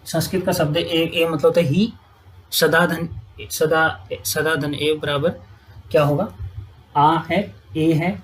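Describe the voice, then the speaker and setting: A woman with a low-pitched voice teaches Hindi grammar at a whiteboard, frequently checking "ठीक है" and answering the questions she puts to the class. She spells out sounds slowly, and the audio is poor.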